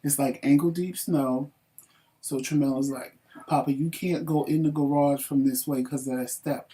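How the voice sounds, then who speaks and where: A man co-hosting a casual talk show, telling stories with animated, profane acted-out quotes. He sits a little back from the microphone, so his voice sounds slightly distant. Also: medium pitch, moderate pace. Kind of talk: casual chat.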